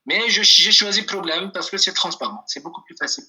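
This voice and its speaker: A man with a high, expressive voice and a sharp tone leads a language lesson by video call. He goes slowly and patiently, repeating phrases and naming students to answer.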